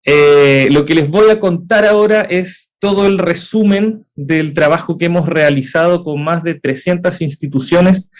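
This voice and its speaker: A young edtech founder with a Chilean accent presents in a webinar, his voice a little high. He explains at length, dropping frequent "eh" fillers and posing rhetorical questions.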